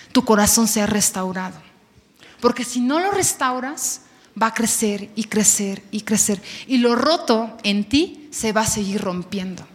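Mexican woman preaching in a reverberant hall. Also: on the high side. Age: 30s. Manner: candid, conversational, repeats words for emphasis. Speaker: youth preacher. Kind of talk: sermon with personal testimony. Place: church service.

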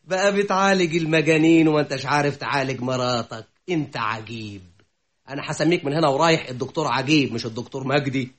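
A man's voice: medium pitch, quick pace, lightly acted. A man playing a mocking worldly friend. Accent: Egyptian Arabic. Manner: mocking, coaxing. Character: teasing worldly male friend. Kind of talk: vintage radio drama acting.

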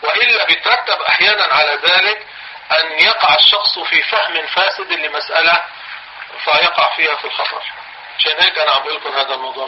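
Levantine-accented male religious teacher, fairly high voice, patient and repetitive, on a dull old tape. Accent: Levantine Arabic. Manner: explains slowly, repeats phrases, dictates for notes. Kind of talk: classroom religious lesson. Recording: dull lo-fi recording, faint hiss.

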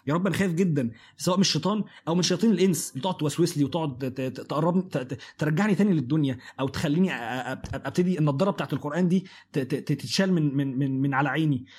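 A man with an Egyptian Arabic accent teaching a casual Quran lesson, halting and restarting often. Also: a little high, a little mellow, slightly rough. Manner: halting, many restarts and fillers.

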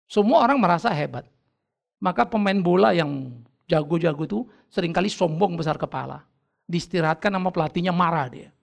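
A man's voice: sits high, creaky. A middle-aged man preaching a sermon, telling stories with humor and acting out family conversations. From North Sumatra, Indonesia. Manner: lively storytelling, acting out family dialogues with humor. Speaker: pastor.

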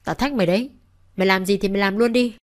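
A woman's voice: medium pitch, quick pace, close to an everyday voice. A woman voicing a furious young wife who hurls insults through clenched teeth.

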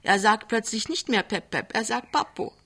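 A woman's voice: fairly high pitch, expressive, moderate pace, pushed and bright, pitched above the performer's own voice, exaggerated voice. A woman voicing a tender, desperate young working-class wife in an audiobook reading, pleading in a rising voice.

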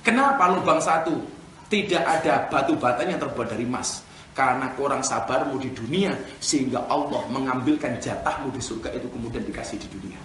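A man's voice: medium pitch, fairly quick, a bit bright, slight background noise, voice pushed down, natural voice. A male preacher voicing a solemn angel who guards a palace in paradise, speaking in grave, formal pronouncements. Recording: echoey, distant mic, faint ambience.

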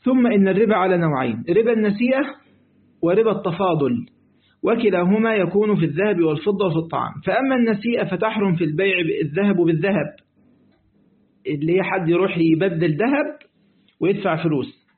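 Egyptian male religious teacher, fast and high-pitched, colloquial lesson over a narrow lo-fi line. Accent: Egyptian Arabic. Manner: lively, acts out dialogues, switches between reading text and colloquial asides. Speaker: sheikh teaching Quranic exegesis. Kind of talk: colloquial lesson explaining a classical text. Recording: tinny phone-like audio.

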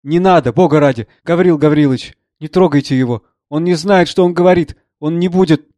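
A man's voice: a little high, brisk, mellow, no echo, lightly acted. A man voicing a tearful, resentful middle-aged wife and mother who pleads and accuses. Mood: distraught.

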